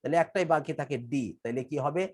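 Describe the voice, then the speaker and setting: A man from Bangladesh, an English teacher, giving a live online class lecture. He explains step by step, repeats key phrases, and reads English test sentences slowly, word by word. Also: fairly high pitch, darkish tone.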